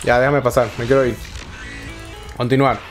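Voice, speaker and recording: A young man giving excitable let's play commentary, swearing often and talking to himself. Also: medium pitch, moderate pace, soft background music. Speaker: gaming YouTuber.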